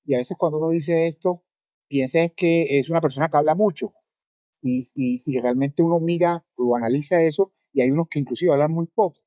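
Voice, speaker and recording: A man's voice: fairly high pitch, fairly quick, mellow, no room sound, clean studio sound. A man interviewing casually, hesitating and thinking aloud as he steers the conversation.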